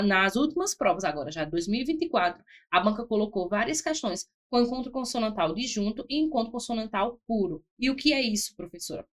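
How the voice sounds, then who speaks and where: A woman teaching an exam-prep grammar lesson, spelling out syllables and checking in with "certo?". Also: mid-range voice. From Brazil.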